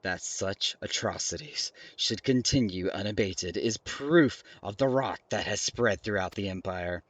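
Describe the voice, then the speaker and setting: A man's voice: lowish voice, a little slow, slight background noise, voice pushed down, natural voice. A man voicing a stern, righteous avenger in a video game, with a grave, declamatory delivery. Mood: righteous anger. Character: stern, righteous avenger condemning imperial crimes.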